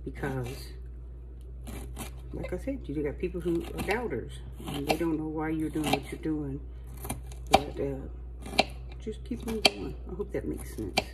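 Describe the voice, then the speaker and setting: A middle-aged home cooking vlogger chats casually and encouragingly while chopping vegetables at her kitchen counter at night, filmed on a phone indoors. Her low voice is animated and unhurried with frequent pauses, and the audio is very noisy.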